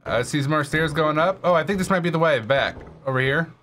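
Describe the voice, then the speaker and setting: A man's voice: on the high side, expressive, brisk, fairly bright tone, a little hiss or hum. A man hosting casual gameplay commentary, chatty and thinking aloud as he plays. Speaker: gaming channel host.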